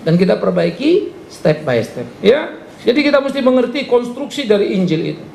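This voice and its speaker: A male pastor preaching an emphatic, animated sermon in a church hall. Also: extremely high pitch, moderate pace. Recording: echoey church hall, gravelly, faint noise.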